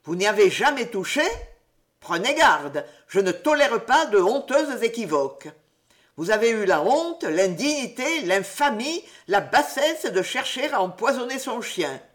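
Performing a solemn male headmaster, a woman scolds a pupil in a reproachful tone, pitching her voice above her natural one. It sits on the high side with big pitch swings and a measured pace.

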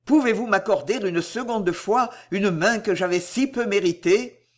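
A man's voice: high-pitched, unhurried. A man reading an audiobook, voicing a remorseful young male lover who declaims in fervent exclamations. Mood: impassioned.

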